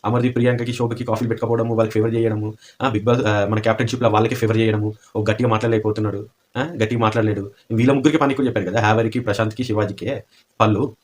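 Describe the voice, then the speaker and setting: A man's voice: on the low side, little pitch movement, racing. A man giving opinionated commentary, asking pointed rhetorical questions.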